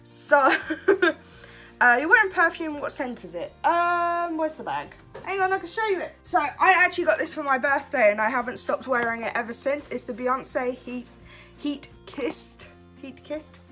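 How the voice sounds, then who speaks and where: Her voice sits high and sounds animated and sharp, moving at a moderate pace with faint music in the background. She's a twenty-something vlogger from Kent, England, relaxed late at night, chatting casually through get-to-know-me questions, laughing a lot and making fun of herself.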